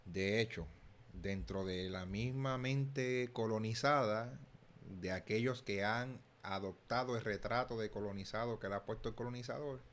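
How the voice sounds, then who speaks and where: A man's voice: fairly low pitch, normal speed, a bit bright. A young Puerto Rican man with a Puerto Rican Spanish accent, talking casually as a channel host and often restarting his words. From Puerto Rico. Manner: thinking aloud, frequent restarts and repeated words. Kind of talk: casual commentary.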